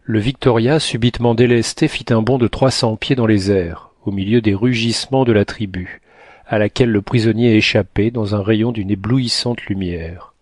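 A man narrating an adventure novel as a scripted audiobook, reading in a steady, measured way. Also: lowish voice, no echo.

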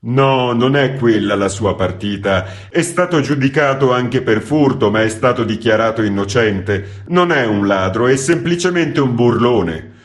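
A man voicing a contrite, talkative male typesetter who rambles and pleads loudly. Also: medium pitch, lively intonation, measured pace, few pauses, voice pushed up, lightly acted. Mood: rambling.

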